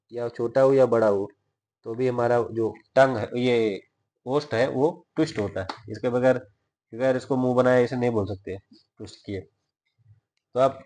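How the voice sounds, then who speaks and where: A male teacher walks through sounds one by one, voicing each syllable slowly before explaining it. His pitch sits in an ordinary middle range, and he keeps checking that listeners are following. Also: a little mellow. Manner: explanatory, checks in with "theek hai". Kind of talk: Hindi grammar lesson.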